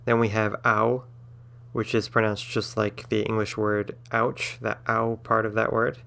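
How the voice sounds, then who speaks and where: A man's voice: fairly low pitch, little pitch movement, unhurried, vocal fry, sharp tone. A man teaching a language-building lesson, patiently spelling out sounds with some filler words. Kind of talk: explanatory lesson.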